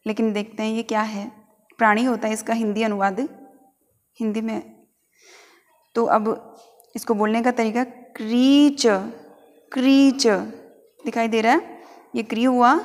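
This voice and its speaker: A woman teacher with a Rajasthani Hindi accent and a slightly high voice takes a pronunciation lesson one word at a time. She spells each word letter by letter, then repeats it slowly several times. Her voice trails off into a long reverberant room sound.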